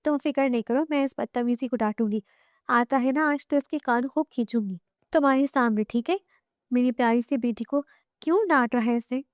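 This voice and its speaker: A woman reading aloud as a doting middle-aged aunt in a romance audiobook, soothing and coaxing. The voice is high and dry, with no room sound. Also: a little fast, dry recording, natural voice.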